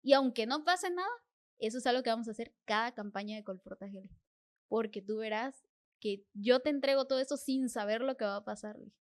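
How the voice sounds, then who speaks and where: A woman's voice: a little high, fairly even intonation, fast talker. Earnest young woman sharing a faith story. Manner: earnest storytelling, acting out her prayers as dialogue. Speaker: podcast guest. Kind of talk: personal faith testimony.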